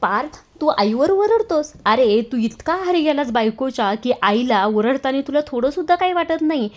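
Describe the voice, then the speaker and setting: A woman's voice: fairly high pitch, fairly quick, natural voice. A scheming, taunting aunt, as a woman narrator reads her lines. She mocks and needles. The voice stays close to a plain storytelling read.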